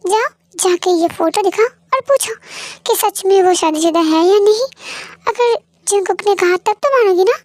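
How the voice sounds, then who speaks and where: A woman's voice: extremely high pitch, normal speed, a little mellow, no echo. A woman voicing a smug young wife who taunts her rival in a fan-dub audio drama. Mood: taunting. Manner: taunting, mocking. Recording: music playing behind.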